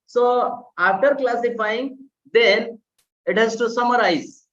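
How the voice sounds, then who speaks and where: A man's voice: very high-pitched, slow pace, a bit bright, roomy sound, distant mic, muffled recording. A man teaching an online class, explaining with rhetorical questions and repeating key phrases. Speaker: lecturer. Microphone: video call.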